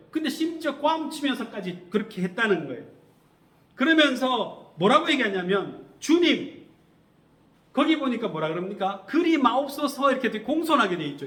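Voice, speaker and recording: In an echoey church sanctuary, a middle-aged male pastor preaches a sermon, posing questions to the congregation and then answering them himself. His voice sits high with a fairly bright tone.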